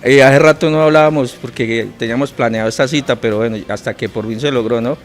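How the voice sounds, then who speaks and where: A man's voice: mid-range voice, fast. A man hosting a podcast, greeting viewers and asking his guest questions in a friendly, casual way. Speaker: podcast host. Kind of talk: casual interview.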